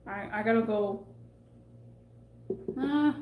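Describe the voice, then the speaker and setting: A woman's voice: mid-range voice, takes it slowly, lo-fi sound. A woman live streaming from her desk at home, chatting in a rambling, casual way and trailing off mid-thought. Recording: echoey room with faint background noise.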